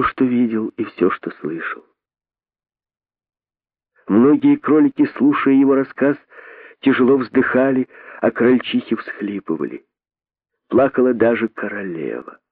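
A man reading an audiobook in a measured, unhurried way. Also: fairly low pitch, no room sound. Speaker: audiobook narrator. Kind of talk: scripted narration. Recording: dry, narrow phone-like sound.

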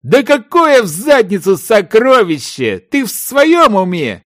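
A man doing a shouting, scolding desert merchant. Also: fairly high pitch, huge pitch swings, normal speed, pitched above the performer's own voice. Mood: angry scolding. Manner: loud, shouting, mocking.

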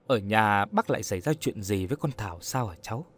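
Storybook role: male narrator plays a broken old man, choked with sorrow, lively pitch. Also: a little fast. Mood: hushed, sorrowful. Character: grieving guilt-ridden old man.

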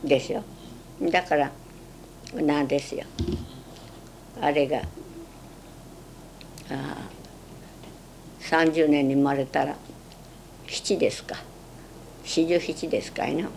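An elderly Japanese woman speaks in a low voice with a western Japanese dialect. She reminisces plainly and haltingly, as an interviewee would, with a little noise on the recording. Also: steady tone, vocal fry, a little mellow, low-quality recording. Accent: western Japanese, Chugoku dialect. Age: 70s or older. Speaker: oral history interviewee.

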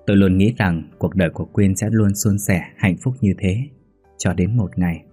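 A man calmly narrating a read-aloud ghost story in a steady storytelling manner. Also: low voice, normal speed, breathy edge. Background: faint music.

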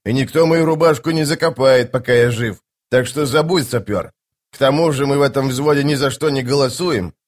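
A man voicing a wet, miserable, superstitious male mage in an audiobook, hissing slowly. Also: a little high, expressive. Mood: indignant. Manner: hissing, slow.

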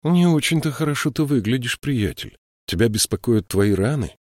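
A man's voice: mid-range voice, moderate pace, no room sound, clean studio sound, voice pushed up, close to an everyday voice. A man doing a stubborn little troll. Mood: weary. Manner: calm, firm, quietly resolute. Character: small stubborn male troll, principled and wry.

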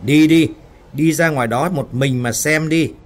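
A man voicing frightened, quarrelsome female factory workers in a spoken ghost story, shrill and scolding. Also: expressive, moderate pace, slightly rough. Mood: taunting.

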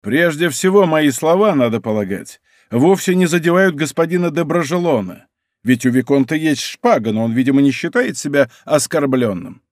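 Audiobook role: male reader doing a sneering young courtier, hot-headed, voice pushed up and loud, dry close sound. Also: fairly high pitch, lively intonation, normal speed, no echo, natural voice. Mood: defiant. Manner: raised, heated, taunting delivery. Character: hot-tempered young nobleman, scheming and sneering. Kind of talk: audiobook character voice.

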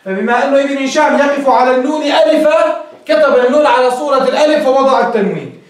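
High-voiced man lecturing in an echoey classroom. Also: fast talker. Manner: explains step by step, quizzing students with questions. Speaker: teacher of Arabic grammar. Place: classroom with a board. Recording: very echoey room, mic far off.

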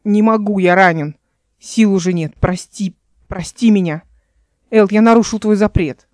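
A woman's voice: mid-range voice, normal speed, darkish tone, no room sound, clean studio sound, lightly acted. A woman reading the lines of a wounded, frightened young man who pleads and apologizes, in an audiobook. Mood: pleading.

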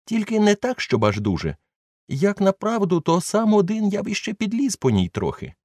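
Fearful old manservant, thin high voice, dry close mic. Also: male voice, huge pitch swings, moderate pace, a little mellow, dry recording, exaggerated voice. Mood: plaintive. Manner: plaintive, pleading, high squeaky voice. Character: fearful old male servant climbing a tree.

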